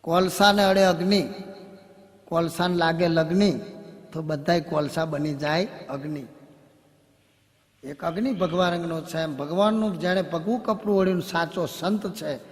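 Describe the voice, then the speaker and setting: A man telling humorous devotional stories in a lively, joking way, with chuckles between lines. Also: on the high side, normal speed, in a large hall. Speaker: devotional storyteller. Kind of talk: humorous religious storytelling.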